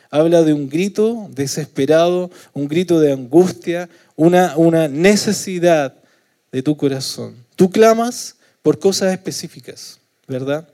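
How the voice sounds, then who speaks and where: A Chilean man delivering a sermon, his tone dark and mellow, sitting a little higher than a typical male voice. He keeps asking his listeners for agreement with short tag questions. When he acts out prayers he gets loud and pleading, then falls soft at the ends of his phrases. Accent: Chilean Spanish. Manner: asks the congregation for agreement with frequent tag questions. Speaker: preacher.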